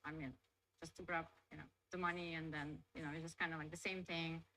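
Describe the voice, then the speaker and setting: A Russian-accented woman chatting as an interview guest, and her sentences spill out quickly with lots of "like" and "you know". Her voice sits fairly low for a woman but rings bright and forward. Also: little pitch movement, low-quality recording. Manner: chatty, loose phrasing full of "like" and "you know". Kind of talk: casual interview.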